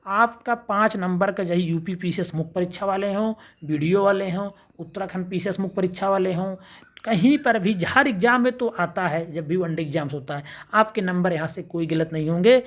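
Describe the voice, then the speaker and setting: A woman teaching an exam spelling lesson, reading each wrong form with stress and then giving the correct one in a lower voice. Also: fairly quick. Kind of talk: spelling lesson, word-by-word drill.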